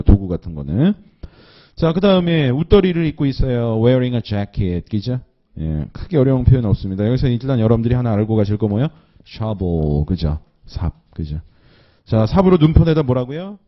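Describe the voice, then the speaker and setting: A man teaching an English listening class, slowly repeating phrases and checking in with students after nearly every line. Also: medium pitch. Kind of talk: recorded online lecture. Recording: dull lo-fi lecture recording.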